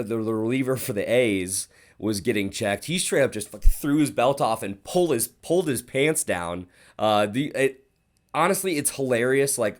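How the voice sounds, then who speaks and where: A man hosting a sports podcast, telling stories in a casual, rambling way with plenty of swearing. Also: lowish voice. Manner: profane, rambling, animated storytelling. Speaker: podcast host.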